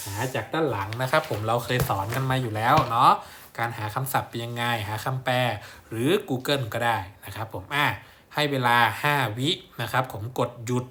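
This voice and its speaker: A man's voice: medium pitch, sharp tone. A man teaching primary-school English in a recorded lesson, repeating words for pupils to copy. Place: at a whiteboard or screen.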